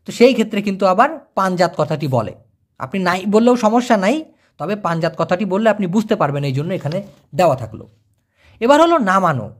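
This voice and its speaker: Lively teacher repeating each new word. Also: mid-range voice. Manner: repeats each word and checks with quick questions. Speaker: Malay language teacher. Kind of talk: vocabulary lesson explained over pictures.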